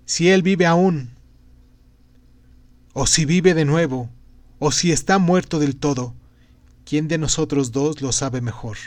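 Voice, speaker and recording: Man doing a sly mocking outcast, taunting, emphatic, slightly high voice. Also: slow pace, long pauses, darkish tone, dry recording. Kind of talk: audiobook reading.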